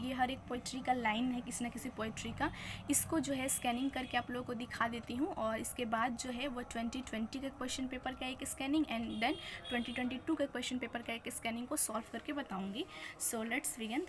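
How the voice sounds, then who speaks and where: High-voiced woman teaching poetry scanning. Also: a little hiss or hum. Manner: explains step by step, asks and answers her own questions; mixes Hindi and English freely. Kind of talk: exam-prep lesson on scanning poetry.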